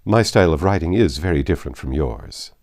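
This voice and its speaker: A man voicing a proud, reserved young gentleman in an audiobook of a classic novel, speaking in a formal, measured, cutting way. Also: very deep voice, lively intonation, creaky, exaggerated voice. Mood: cool, curt.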